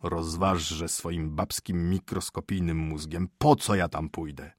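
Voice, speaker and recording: A man's voice: on the low side, animated, measured pace, no echo, studio quality. A man reading an audiobook, voicing a sleepy husband who grumbles and snaps dismissively. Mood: irritated. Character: sleepy grumpy middle-aged husband, a prosecutor's aide. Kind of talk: audiobook character voice.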